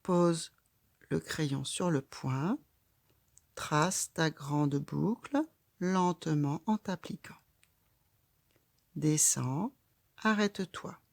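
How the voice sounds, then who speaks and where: Speaking very slowly in a low, creaky voice and pausing often, a woman gives a child a slow, step-by-step handwriting lesson. She stays patient and calm, guiding each stroke, and the clean studio recording has no echo.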